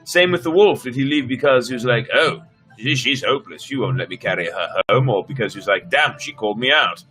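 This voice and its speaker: A man streams casual story time, reading aloud with theatrical flair and slipping in playful comments to viewers over background music. As a storyteller streamer, he talks fairly quickly in an expressive, medium-pitched voice that sounds pushed and bright.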